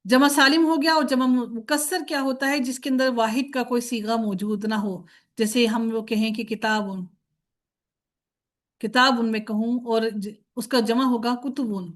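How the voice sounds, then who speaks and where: A woman with a slightly high, fairly even voice gives a recorded Arabic grammar lecture. She leads patient drills chanting word forms, answers her own questions, and slips in English words.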